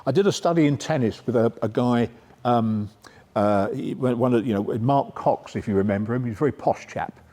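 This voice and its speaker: A middle-aged sport psychology speaker gives a conversational coaching workshop talk, often checking in with "yeah?". His mid-range voice is mellow at normal speed, recorded in a reverberant lecture room.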